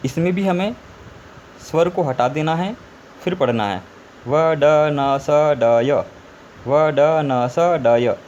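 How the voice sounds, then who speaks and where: A man's voice: a little high, expressive, moderate pace, long pauses, a little mellow, muffled recording. A male teacher giving a spelling lesson, spelling words out letter by letter and repeating them. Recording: faint background noise.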